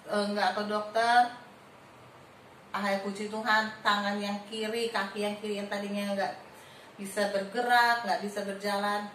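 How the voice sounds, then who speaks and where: A woman gives a personal faith testimony in a steady, matter-of-fact tone, her pitch staying level. The room echoes around her. The mic is some distance away. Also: a little hiss or hum. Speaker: wife giving testimony.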